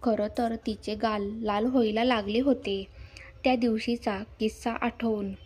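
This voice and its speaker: A woman narrating a serialized romance story in a calm, measured way. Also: a little high, slightly rough.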